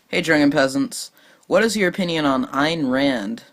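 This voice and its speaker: A man's voice: a little high, normal speed. A man casually putting a short question and his own opinion to a show. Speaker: listener sending a video question.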